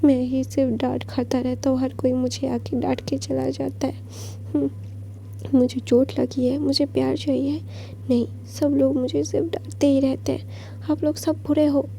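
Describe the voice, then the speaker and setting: A woman voicing a remorseful injured young man who pleads in a soft, half-whispered way. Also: sits high, level tone, slow, a little hiss or hum. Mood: sulky.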